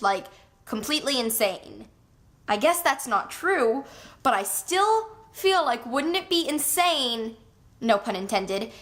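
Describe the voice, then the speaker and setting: A young woman casually reviewing a book, excitable and gushing in a chatty way. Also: a little high.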